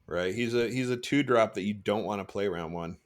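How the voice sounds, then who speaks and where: A man's voice: fairly low pitch, brisk. A man hosting a casual podcast chat about a card game, laughing often and moving the talk along. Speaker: podcast host.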